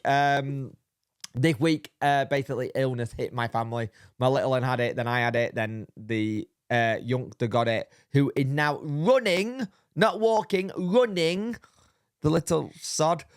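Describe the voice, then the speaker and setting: A man, hoarse from illness, co-hosting a casual football podcast in a blunt, wry way. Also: mid-range voice, moderate pace, dry recording, clean studio sound. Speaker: podcast co-host.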